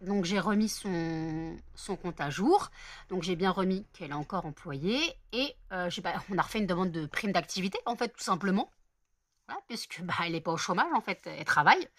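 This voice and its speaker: A woman's voice: fairly low pitch, lively intonation, brisk, a bit bright, dry recording. A woman chatting casually in a home vlog, rambling with many fillers and self-corrections. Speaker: vlogger. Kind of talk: casual daily vlog chat.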